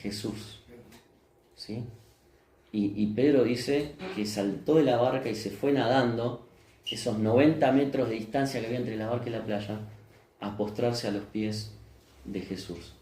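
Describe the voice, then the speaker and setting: A man's voice: medium pitch, steady tone, unhurried, darkish tone, roomy sound. A man with a Rioplatense Spanish accent preaching a sermon as pastor, often putting questions to the congregation and answering them himself. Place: church hall.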